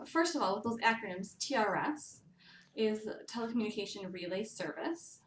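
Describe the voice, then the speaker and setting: A woman giving a live interpreter voice, speaking in first person for a deaf program administrator on a recorded call, with an uneven pace and frequent restarts. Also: medium pitch. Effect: live interpreter voice, speaking for another person in first person. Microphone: call audio. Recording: roomy, distant call audio with faint background noise.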